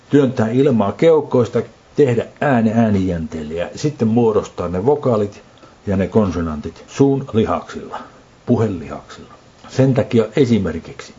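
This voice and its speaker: A middle-aged man preaching a sermon, teaching slowly and deliberately with repeated lists. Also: lowish voice, dark tone, slightly rough. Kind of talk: sermon teaching on speaking in tongues. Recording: muffled lo-fi recording.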